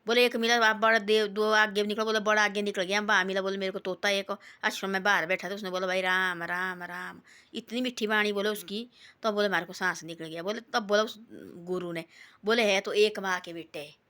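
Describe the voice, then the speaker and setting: A woman with a bright, ringing voice talks in a casual, rambling way. She retells a simple moral story and slips into quoted lines as she goes. Her delivery is homely and devotional. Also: medium pitch, fairly even intonation, a little fast, clean tone. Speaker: devotional vlogger.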